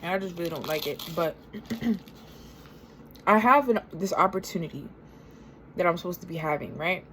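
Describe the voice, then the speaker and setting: A woman's voice: on the low side, normal speed, pauses often, fairly bright tone, slight background noise, rough recording. An American woman in her twenties telling a casual, rambling, sweary complaint while eating, talking with her mouth full. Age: 20s. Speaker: vlogger.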